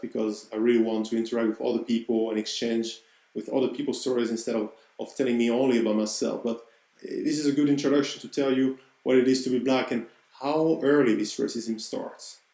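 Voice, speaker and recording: A man's voice: medium pitch, brisk, dark tone, echoey room, poor audio. A man with a French accent, hosting a podcast and telling a personal story in an earnest, reflective way. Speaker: podcast host.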